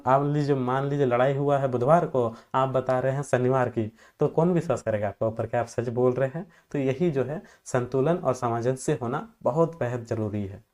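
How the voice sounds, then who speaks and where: A man's voice: medium pitch, darkish tone. Guy teaching an exam prep class, chatty and loose, lots of filler, fumbles terms then fixes them. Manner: loose conversational explaining with homely examples; filler-heavy, repeats "जो है" often.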